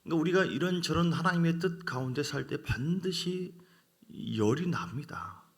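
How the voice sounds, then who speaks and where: A man's voice: fairly high pitch, normal speed. A male pastor preaching a Wednesday sermon, asking the congregation questions and acting out quoted voices.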